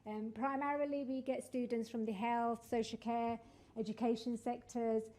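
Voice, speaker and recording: Mellow, higher-voiced woman speaking to an audience. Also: little pitch movement, moderate pace. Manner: addressing an audience, checking they can hear. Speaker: director of studies giving a conference talk. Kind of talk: informal conference presentation.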